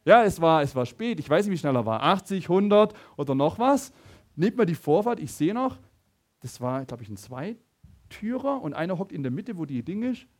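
Animated, expressive male preacher. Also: fairly high pitch, normal speed. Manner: animated, stammering restarts, addresses the audience directly. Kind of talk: sermon with personal storytelling.

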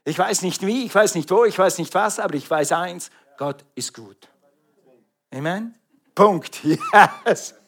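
Calling out to the congregation, a middle-aged Swiss man gives an animated sermon in a Swiss German accent. His voice sits high, and his pace is normal.

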